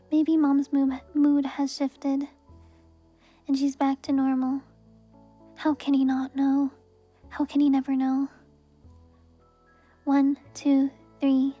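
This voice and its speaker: Soft high-voiced woman reading aloud. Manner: soft, even reading voice with brief laughs at the text. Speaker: streamer reading a book aloud.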